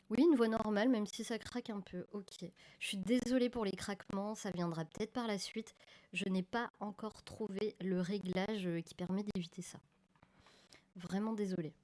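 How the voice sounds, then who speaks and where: A woman's voice: medium pitch, moderate pace, darkish tone. A woman streaming live, chatting casually with viewers while she works, often correcting herself mid-sentence. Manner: chatty, self-correcting, talks to chat viewers. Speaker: film photography streamer. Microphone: desk microphone. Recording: slightly crackling live-stream audio.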